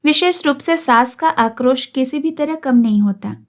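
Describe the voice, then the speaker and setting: A woman storyteller reading a classic story aloud in a steady, measured narration. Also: high-pitched.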